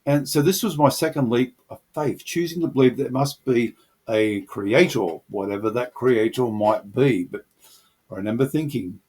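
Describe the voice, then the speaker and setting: Husky-voiced man telling his faith story. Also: medium pitch, normal speed, a little mellow. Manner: earnest, reflective storytelling. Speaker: channel host sharing his testimony. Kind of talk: personal faith testimony.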